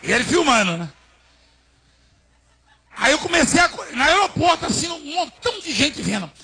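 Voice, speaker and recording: A middle-aged man with a Brazilian Portuguese accent preaching a sermon with personal anecdotes, asking the congregation questions and swinging between hushed asides and shouting. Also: extremely high pitch, sing-song, moderate pace, gravelly. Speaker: pastor.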